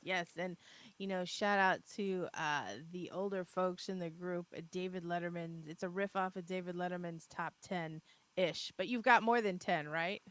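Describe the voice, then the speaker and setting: A woman's voice: on the low side, fairly even intonation, moderate pace, a bit bright, no room sound. A woman co-hosting a live podcast broadcast, talking casually, upbeat and often laughing. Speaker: podcast co-host. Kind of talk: casual live-stream chat.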